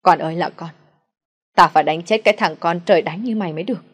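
An angry middle-aged village mother scolding her son, as a woman narrator reads her lines. The voice sits low. She nags and wails in a storybook reading. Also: steady tone, fairly quick. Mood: furious.

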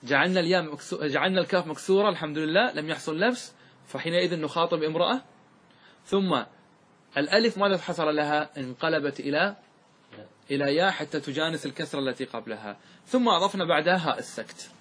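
A man with a slightly high, husky voice lectures on grammar to a class. He quizzes his students again and again, repeats each key point, and stretches the example words out syllable by syllable. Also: fast talker, fairly bright tone. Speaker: Arabic grammar teacher.

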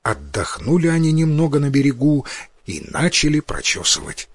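A man reading a fairy tale aloud in a dramatic, expressive storytelling voice. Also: a little high, normal speed, breathy edge, no echo. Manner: dramatic, lively.

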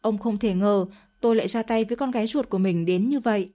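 A woman's voice: mid-range voice, fast talker, dark tone. A woman narrating a dramatic first-person story in an emotional, confessional tone.

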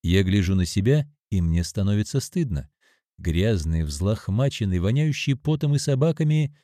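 A man giving an expressive first-person audiobook narration. His voice is mellow and warm, and his pitch moves a lot. The recording is dry and close. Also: normal speed, no room sound. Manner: expressive, storytelling.

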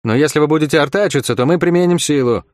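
A man voicing a young, pale, nervous male commander with a high, strained voice who barks orders. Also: fast, a little mellow, no echo, studio quality, lightly acted. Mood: shrill orders. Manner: shrill, commanding.

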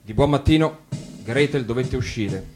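A man narrating a fairy tale on radio, measured, his voice sinking softer at the ends of phrases. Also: mid-range voice, expressive. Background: music.

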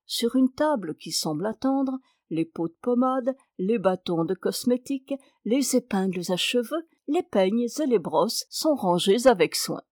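A woman reading a classic novel aloud in a measured, expressive narration. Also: mid-range voice, no room sound, clean studio sound. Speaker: audiobook reader. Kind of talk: literary narration.

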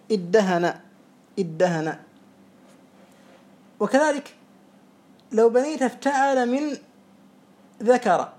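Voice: medium pitch, darkish tone. Patient classroom teacher, methodical, repeats examples and quizzes a pupil. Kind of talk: classroom lesson.

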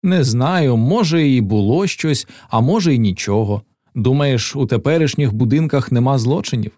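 A man's voice: mid-range voice, animated, moderate pace, darkish tone, no room sound, clean studio sound, voice pushed up, close to an everyday voice. A man reading a young poet's lines in an audiobook, tender and lightly playful.

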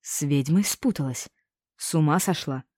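Woman doing a gruff scolding village man. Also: sits low, moderate pace, dry recording, clean studio sound. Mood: scornful. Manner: rough, scolding, shouting threats.

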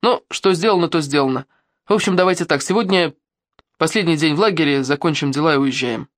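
A woman's voice: deep voice, fairly quick, no room sound, studio quality, lightly acted. A woman reading an audiobook, voicing a tired grown man who leads a youth camp and admits he is unsure of himself. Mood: resigned. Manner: hesitant, resigned. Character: adult male camp leader, tired and unsure.

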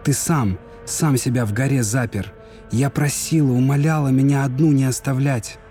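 A man's voice: medium pitch, moderate pace, mellow, faint music behind, pitched above the performer's own voice, natural voice. A man reading a fairy tale aloud, voicing a sorrowful young woman who pleads and accuses through grief. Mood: bitter.

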